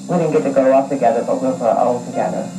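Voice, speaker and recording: A woman in her forties telling her own story in an interview, earnest and halting, with a distant echoey sound from an old TV broadcast. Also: extremely low pitch, over loud music. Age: 40s. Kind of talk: emotional personal account.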